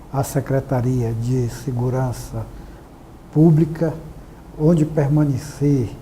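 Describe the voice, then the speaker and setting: Slow, dark-voiced man in his sixties. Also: mid-range voice, slight background noise, poor audio. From Bahia, Brazil. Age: 60s. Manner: measured, deliberate recounting of past events. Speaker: witness giving testimony. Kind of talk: formal spoken testimony.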